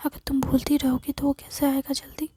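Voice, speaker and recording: A woman voicing a calm middle-aged father who soothes his wife, in a whispered role-play. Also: sits high, a little fast, no room sound, close to an everyday voice. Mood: placating.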